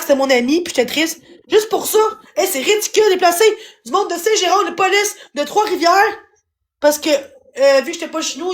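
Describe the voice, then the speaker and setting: Her pitch is extremely high, and her Québécois-accented voice is rough and exhausted as she vents to her live stream audience. She pleads with agitation, going around in repetitive loops.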